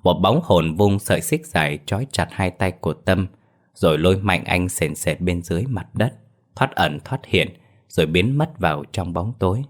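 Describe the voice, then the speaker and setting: A man narrating a horror story as storyteller in a slow, dramatic telling. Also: deep voice.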